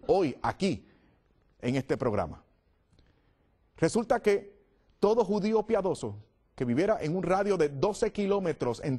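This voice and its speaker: Dramatic, fairly high-voiced male preacher. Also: darkish tone. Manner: dramatic storytelling, acting out crowd voices. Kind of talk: sermon.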